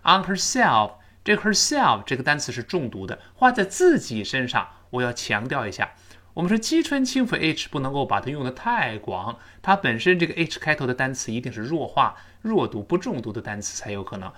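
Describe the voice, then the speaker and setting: Male english teacher, native chinese speaker, bright voice, very animated pitch, repeat-after-me pronunciation drills. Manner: explains in detail, slows way down for model sentences.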